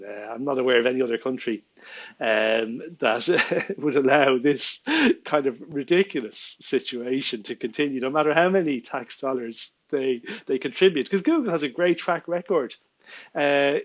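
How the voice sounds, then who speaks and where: An Irish vlogger and small business owner in his forties, a native speaker, rants indignantly to camera from a small room at home. Exasperated, he stumbles, restarts often, gestures with his hands and laughs in disbelief. His voice is medium-pitched and the recording muffled.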